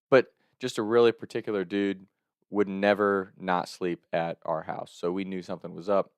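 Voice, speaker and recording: A man's voice: sits low, moderate pace, clear, resonant tone, no echo, studio quality. Laughing young man telling a wild story. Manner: animated, laughs often, acts out quotes. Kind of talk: casual storytelling.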